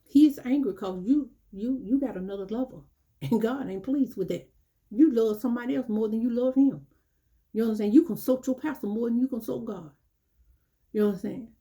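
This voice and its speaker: Mellow-voiced woman preaching a scolding sermon. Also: on the high side, fairly quick. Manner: repetitive, scolding, keeps asking "you know what I'm saying"; acts out quoted churchgoers in dialogue. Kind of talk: informal sermon.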